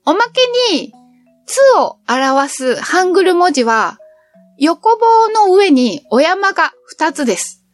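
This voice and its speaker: With faint music under her narration, a middle-aged woman who vlogs about travel speaks slowly and chattily about her trips. Her voice is high and cheerful, swooping in a lively, animated way.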